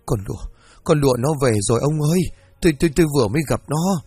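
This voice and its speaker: A man's voice: mid-range voice, brisk, darkish tone, faint music behind, lightly acted. A man doing a stammering, terrified rich wife. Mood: frantic pleading. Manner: stammering, panicky.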